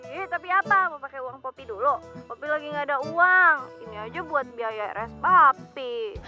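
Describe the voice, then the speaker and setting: A woman's voice: sits high, expressive, moderate pace, bright, forceful tone, faint music behind, heavily acted. An actress playing a sweet, naive young woman who talks about herself in the third person, prim and earnest. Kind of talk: sitcom acting.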